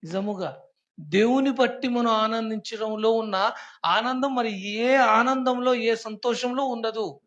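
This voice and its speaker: A young adult preacher giving a Sunday sermon, constantly prompting the listeners with quick questions and slipping English phrases into the talk. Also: mid-range voice, a bit bright. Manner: peppers talk with rhetorical questions and prompts to the congregation. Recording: dull lo-fi church recording.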